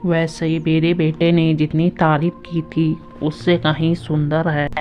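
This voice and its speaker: A sharp-tongued middle-aged mother-in-law scolds and mocks in a low, slow, flat voice, as a woman acts her out. The cartoon audio is dull and lo-fi, with soft music underneath. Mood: scolding. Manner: scolding, mocking.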